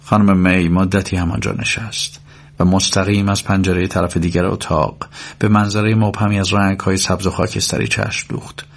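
A man reading literary fiction aloud as a steady, measured audiobook narrator. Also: low-pitched, gravelly, husky.

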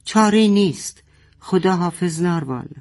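A man voicing a stern father who shouts urgently in a crisis. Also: high-pitched, animated, pitched above the performer's own voice. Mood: urgent shouting.

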